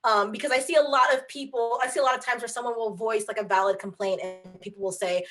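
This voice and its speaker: A woman's voice: on the high side, steady tone, fast talker, a bit bright, soft background music. A woman guest author chatting candidly on a video call, leaning on filler words and restarts. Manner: frank, candid. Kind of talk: casual chat on video call.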